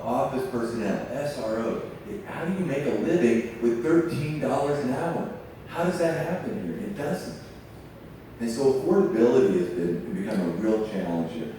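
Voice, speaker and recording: A man's voice: lowish voice, warm tone, slight background noise. A man speaking at a public forum about school funding, emphatic and full of rhetorical questions. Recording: echoey room, mic far off.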